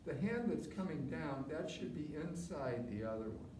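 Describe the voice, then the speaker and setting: A man instructing a tai chi class live, giving short step-by-step movement cues in an informal, gently encouraging way. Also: fairly high pitch, animated, normal speed. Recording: distant mic, roomy echo, clear background noise.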